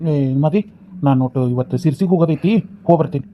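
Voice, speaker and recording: A man's voice: fairly high pitch, a little hiss or hum, lightly acted. A man voicing a middle-aged village farmer talking plainly with his wife, in a North Karnataka Kannada accent. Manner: brisk, matter-of-fact. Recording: dull lo-fi recording.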